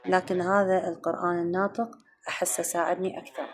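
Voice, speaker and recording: Iraqi woman vlogger, chatty and fast, low voice, kitchen talk to her followers. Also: flat delivery. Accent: Iraqi Arabic. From Iraq. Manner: chatty, addresses viewers warmly as girls and sweethearts. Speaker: home cooking vlogger. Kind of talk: casual chat to viewers.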